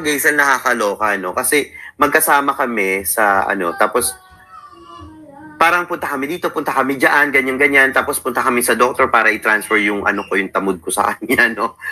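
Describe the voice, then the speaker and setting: Filipino guy, sleepy, sharp bright voice, chatty storyteller quoting himself a lot. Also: mid-range voice, low-quality recording. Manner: storytelling, mixes Tagalog and English, quotes himself often. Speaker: interview guest. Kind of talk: personal life story in casual chat.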